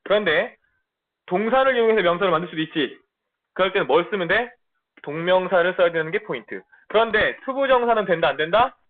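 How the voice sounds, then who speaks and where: A man's voice: high-pitched, lively intonation, fairly quick. A man teaching a middle school English lesson to his students, talking in blunt, casual banter and checking in often to make sure they follow. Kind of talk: online lecture. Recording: tinny phone-like sound.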